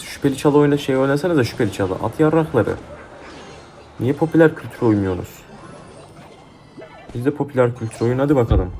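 Young male gamer, mid-pitched, profane heated trash talk over gameplay, faint game music. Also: animated, a little fast, pauses often, mellow. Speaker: gaming YouTuber. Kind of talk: live mobile game commentary.

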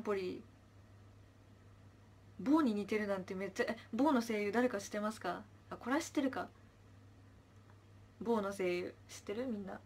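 Chirpy young woman chatting on a livestream. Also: on the high side. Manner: chirpy thanks, trailing off into soft murmurs. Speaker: idol livestreamer. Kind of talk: casual livestream chat, reading viewer comments.

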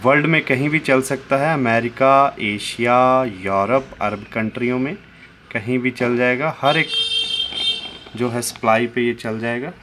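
In a noisy room, a man who runs an antique shop shows off an old tape recorder in a relaxed, jokey product vlog, talking quietly so someone outside won't overhear and dropping Hindi and English asides. His mid-range voice keeps a measured pace and fairly even intonation.

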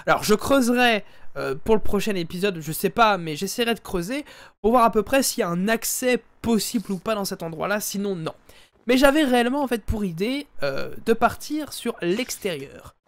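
A man giving live, chatty commentary while playing a game, talking into a headset and often addressing his viewers as ladies and gentlemen. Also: high voice, lively intonation, normal speed. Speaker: let's play streamer.

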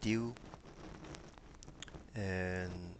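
A young man from Micronesia speaks slowly and flatly in a low voice, hesitating often with fillers as he answers questions. He talks into a headset from a small room lined with bookshelves. Steady background noise runs under the video-call audio. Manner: hesitant, pauses with many fillers. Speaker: interviewee. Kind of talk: casual interview answers.

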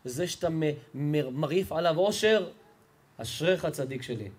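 Rabbi lesson, man with a high voice, emphatic and animated, quizzes the room. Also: husky. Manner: emphatic, animated storytelling preacher; addresses listeners directly with questions. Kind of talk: Torah lesson to a live audience.

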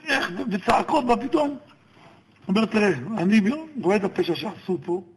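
A man's voice: high-pitched, animated, a little hiss or hum, rough recording. A man recounting events in a played recording, steadily quoting what others told him.

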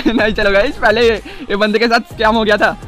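Over quiet background music, a young gaming streamer chatters through casual gameplay commentary. He's a YouTuber with a very high-pitched voice who gets hyper and excitable, repeating himself in quick bursts.

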